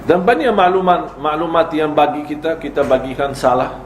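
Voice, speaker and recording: Male preacher, fairly high voice, teaching style with rhetorical questions; echoey room, faint background noise. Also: moderate pace. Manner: explains with rhetorical questions and acted examples. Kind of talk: religious lecture on parenting.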